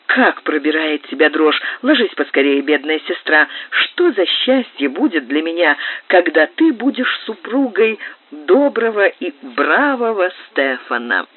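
A woman voicing a dreamy, frightened young woman who speaks softly and pleadingly to her sister. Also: low voice, sing-song, a little slow, husky, dry recording, exaggerated voice. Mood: tender. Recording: tinny lo-fi digitized tape.

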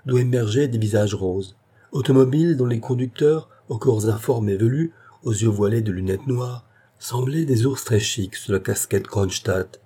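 A male narrator reads a classic novella in a steady, literary manner. His voice is low, dark and slightly husky. The reading is calm and even. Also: moderate pace.

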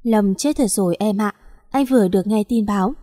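A woman reading a story voices a grieving young man who speaks softly and with a choked voice. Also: medium pitch, brisk, dry recording, studio quality, in a large hall, lightly acted. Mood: gentle. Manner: soft, choked.

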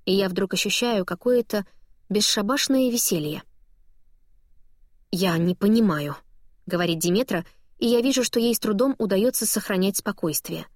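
A woman reading a novel aloud as a first-person audiobook narrator, lively and expressive. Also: mid-range voice, fairly quick, no echo, studio quality.

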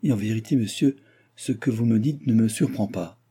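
A man voicing a composed, courteous nobleman who is a guest, speaking calmly and politely. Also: fairly low pitch, moderate pace, breathy edge. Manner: calm and polite.

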